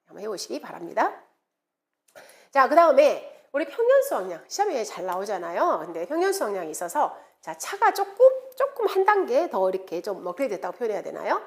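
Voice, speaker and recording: A middle-aged woman lecturing to exam students, her voice set a little high and swinging widely up and down. She repeats key terms over and over and breaks into sing-song memory chants. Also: fast. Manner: animated, repeats key words, playful mnemonic chanting. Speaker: exam prep instructor.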